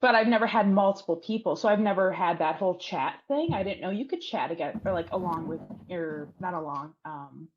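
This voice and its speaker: A woman co-hosting a podcast in casual chat over a remote call, reacting with quick interjections. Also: on the low side, husky, highs cut off. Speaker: podcast co-host.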